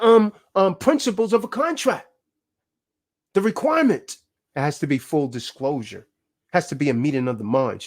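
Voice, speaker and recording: A man's voice: a little high, darkish tone. A man giving a fiery, preachy lecture, full of emphatic rhetorical questions. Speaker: speaker teaching about contracts.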